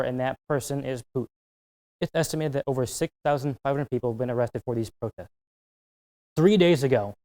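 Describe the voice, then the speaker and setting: A man's voice: mid-range voice, warm tone. A young man reporting world news as a correspondent, in a serious, grave tone.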